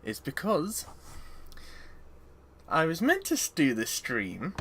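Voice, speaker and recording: A woman's voice: deep voice, huge pitch swings, slow, a bit bright, husky. Giggly sleepy woman streaming. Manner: giggly, rambling, often breaks into laughter. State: sleepy, yawning. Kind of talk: casual live-stream chat.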